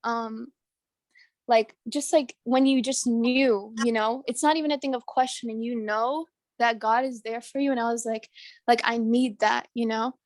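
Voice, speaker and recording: A young woman student sharing her personal story on a video call, halting, full of fillers, and emotional. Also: a little high, fairly even intonation, dry recording. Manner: halting, heavy on fillers, tearful at moments.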